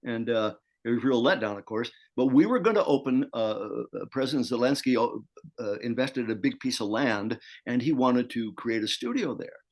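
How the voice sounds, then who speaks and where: A man's voice: medium pitch, moderate pace. An older man talking as an actor guest in a casual interview, chatty and meandering, with many restarts.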